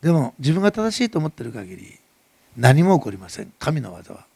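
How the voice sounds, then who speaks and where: A middle-aged male pastor with a Nagasaki dialect, preaching a sermon that swells loud and then drops soft. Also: mid-range voice, very animated, a little fast, vocal fry, husky, no room sound.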